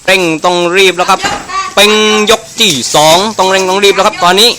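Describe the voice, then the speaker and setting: A man doing excited Muay Thai boxing commentary, full of exclamations and rapidly repeated phrases. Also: high-pitched, a crowd in the background. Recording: noisy live event recording.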